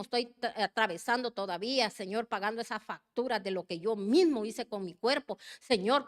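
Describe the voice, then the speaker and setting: Impassioned woman preacher, rather high voice. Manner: impassioned, often repeats "my brothers", swings between loud urging and quiet. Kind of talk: sermon.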